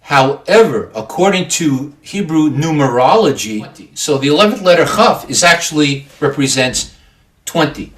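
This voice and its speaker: A man co-hosting a Torah study discussion, explaining ideas in a measured, teacherly way. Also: a little high, expressive, fairly bright tone. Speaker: podcast co-host.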